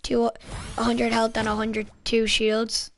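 A woman chatting casually with teammates while she plays an online game, calling out loot and cheering in quick excited bursts. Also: a little high, a little hiss or hum. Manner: excitable, quick exclamations and callouts. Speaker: gamer streaming her own play. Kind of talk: casual gaming chat with teammates.

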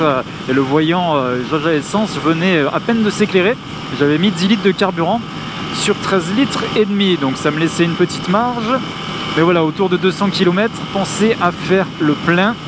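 High-voiced man vlogging over loud engine noise. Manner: chatty, many filler pauses. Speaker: motovlogger. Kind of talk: casual riding commentary. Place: riding a motorcycle on country roads, outdoors. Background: engine and road noise.

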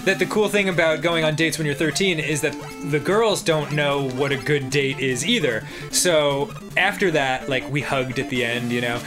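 A fairly high-pitched New Jersey man talks at normal speed with few pauses while co-hosting a gaming show. With video game music in the background, he tells casual stories, laughs frequently and animatedly imitates the voices he quotes.

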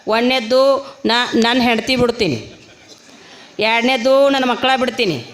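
A woman with a North Karnataka Kannada accent voicing a blunt old village man who chews tobacco, quick and matter-of-fact. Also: fairly high pitch, animated, close to an everyday voice. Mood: teasing.

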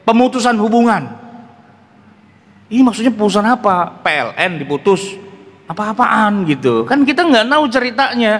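A middle-aged man giving a joking, animated mosque lecture in slang. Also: high-pitched. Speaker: preacher. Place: large mosque hall. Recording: long hall reverb.

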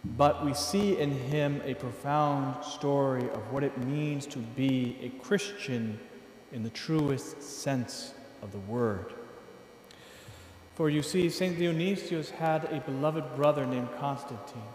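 Earnest priest preaching in an echoey church. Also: male voice, mid-range voice, darkish tone, slight background noise. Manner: measured, earnest preaching with slow emphatic phrases. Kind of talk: sermon. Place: large church, indoors. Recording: echoey church hall from a distance.

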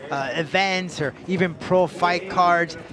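A man's voice: sits high, takes it slowly, crowd noise. A man giving conversational sports commentary as a fight analyst.

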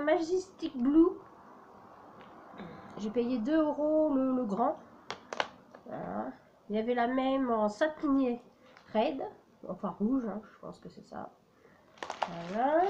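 A woman's voice: on the high side, a little mellow, dull audio, slight background noise. A woman casually showing her flea-market craft finds, hesitant and full of "euh" and "voilà". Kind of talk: casual show-and-tell vlog.

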